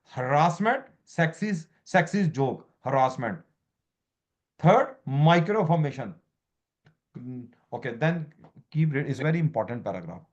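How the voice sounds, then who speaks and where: A man's voice: on the high side, animated, a little slow. Repetitive male tutor, muffled class audio. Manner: repetitive, broken English, quizzing the student. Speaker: law exam tutor. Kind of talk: informal lecture.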